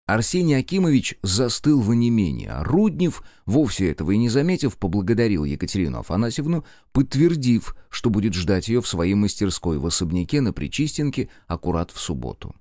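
A man narrating a story in scripted audiobook style, expressive and close to the mic. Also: fairly low pitch, dry recording.

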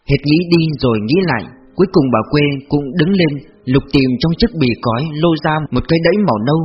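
A man reading a story aloud in measured, heartfelt narration. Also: mid-range voice. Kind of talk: scripted narration. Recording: dull lo-fi audio with faint music.

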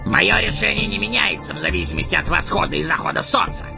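Thorin, a shrill gravelly furious dwarf king. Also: expressive, fast, dull audio, over music, full character voice. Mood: scornful. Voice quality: shrill, gravelly and strained when shouting. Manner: ranting, accusing. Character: furious proud dwarf king, older male.

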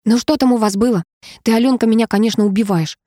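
A woman voicing a chatty, teasing young female friend who talks in a quick, mocking, gossipy way. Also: on the high side, steady tone, dark tone, dry recording, studio quality, pitched above the performer's own voice, natural voice.

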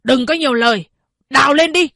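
A woman voicing an arrogant male government official who barks orders and scolds with contempt, in a breathy, raised voice. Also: fairly high pitch, expressive, moderate pace, fairly bright tone, no room sound, studio quality, exaggerated voice. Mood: scolding.

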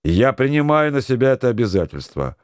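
A self-assured young sailor, as a male storyteller puts him on, answering his crewmates with dry, measured irony. The voice sits a bit above the reader's own, with lively rises, close and dry. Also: medium pitch, clear, resonant tone, no echo, pitched above the performer's own voice, natural voice. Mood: firm. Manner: measured, ironic, firm. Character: confident young sailor, ironic and calm.

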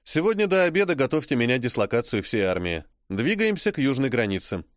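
A man narrating a first-person novel in a calm, measured reading. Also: mid-range voice, no room sound, studio quality. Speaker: audiobook narrator.

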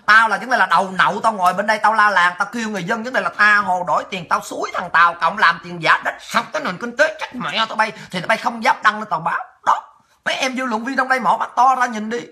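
A woman's voice: mid-range voice, fast talker, sharp tone. A woman hosting a political livestream, ranting angrily and taunting her critics with profanity. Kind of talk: angry ranting monologue.

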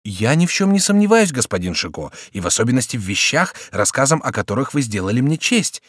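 Brief: man as a polite, officious gatekeeper, lively intonation, dry. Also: mid-range voice, breathy edge, no room sound. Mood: insistent. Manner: courteous, apologetic, hurried. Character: polite, fussy male gate officer.

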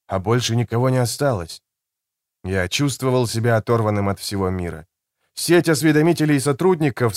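A man's voice: mid-range voice, smooth, dry recording, clean studio sound. A male narrator reading a first-person action audiobook with tense, dramatic storytelling.

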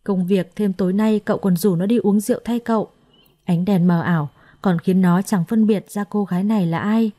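A woman narrating a story in a steady, expressive way. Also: mid-range voice, a little fast. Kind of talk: scripted narration.

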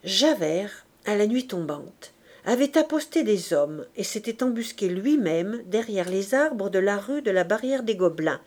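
A woman's voice: medium pitch, warm tone. Woman narrating a classic novel. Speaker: audiobook reader. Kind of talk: literary audiobook narration.

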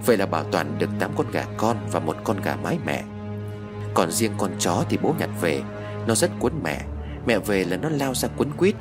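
A man narrating a horror story in a lively, expressive storytelling manner. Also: low voice, normal speed, music in the background.

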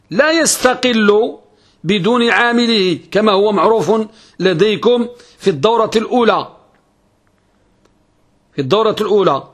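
Man, high voice, scholarly classroom lecture, rhetorical questions, repeats himself. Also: slightly rough. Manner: poses rhetorical questions and repeats key phrases. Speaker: Islamic scholar teaching Arabic grammar.

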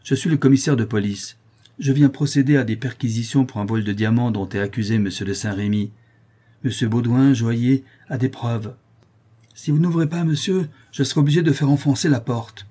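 A police commissioner, voiced by a man reading a storybook, loud and official, demanding entry. The voice is raised and husky. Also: mid-range voice, normal speed, natural voice. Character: police commissioner shouting through a door.

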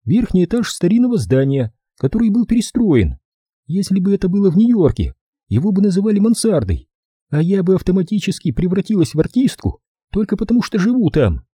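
An impatient, sharp-tongued young woman, played by a man reading an audiobook chatters and scolds in a raised, lively voice. Underneath there is a husky, dark grain, and the sound is dry and close. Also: high voice, a little fast, no echo, pitched above the performer's own voice, exaggerated voice. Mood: chattering.

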